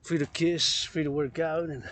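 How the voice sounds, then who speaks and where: On a walk among park trees, a man chats casually for his vlog in a voice on the high side and a bit bright, with fairly even intonation and a moderate pace. His rambling keeps returning to the same phrases, rephrased like a chant. Noise and clicks mark the outdoor recording.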